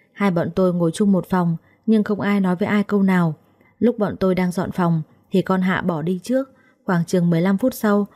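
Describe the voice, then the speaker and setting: A woman telling a first-person story in a steady, even-paced reading. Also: fairly low pitch.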